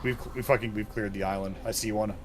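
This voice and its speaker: A man's voice: lowish voice, steady tone, fast talker, background noise. A man who makes online videos, chatting casually while gaming, rambling and swearing freely. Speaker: content creator.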